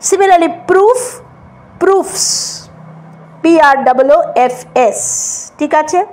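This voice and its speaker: A woman gives an English vocabulary lesson in a high voice. She spells words out letter by letter and often stops to check that her students follow. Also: lively intonation, slow, a little mellow. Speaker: English teacher. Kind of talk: Bengali-language English lesson.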